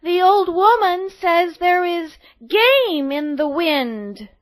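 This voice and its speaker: A woman voicing a kind, sweet little girl in a storybook reading, with a bright sing-song lilt. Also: very high-pitched, lively intonation, slow, voice pushed up, heavily acted. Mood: cheerful.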